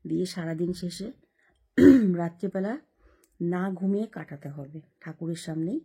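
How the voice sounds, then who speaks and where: A woman's voice: lowish voice, measured pace, dark tone, slightly rough. A young woman vlogging casually from her bedroom at night, rambling and explaining at length. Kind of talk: casual chat to camera. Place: home bedroom, lying under a blanket.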